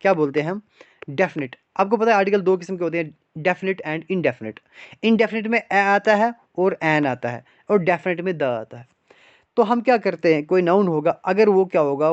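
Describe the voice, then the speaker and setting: A man with a fairly high voice teaches English grammar to exam aspirants, explaining one step at a time. He keeps asking his class rhetorical questions and calls them "guys." The recording is dry and a little dull. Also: dry recording. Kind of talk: classroom lecture in Hindi mixed with English. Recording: dry, slightly dull online lecture audio.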